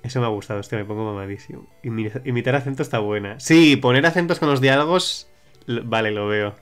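A man's voice: mid-range voice, quick pace, a bit bright, smooth, soft background music. Chatty young man streaming. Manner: chatty, rambling, with frequent restarts and swearing. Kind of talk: casual livestream chat reading viewer suggestions.

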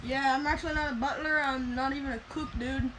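A woman's voice: sits high, fairly even intonation, a little fast, fairly bright tone, slight background noise, poor audio. A woman voicing Eugene, a rude, cocky butler who casually calls everyone "dog". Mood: mocking.

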